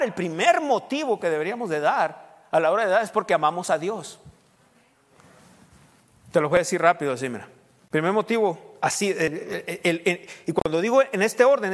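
A middle-aged man preaching a sermon as pastor, emphatic and rising to loud peaks as he counts off his points. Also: high voice. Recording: long hall reverb.

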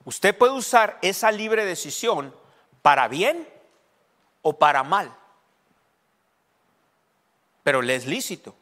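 A pastor teaching a sermon to his congregation, halting and repeating words, often checking whether they follow. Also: sits high, big pitch swings, bright, forceful tone. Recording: long hall reverb.

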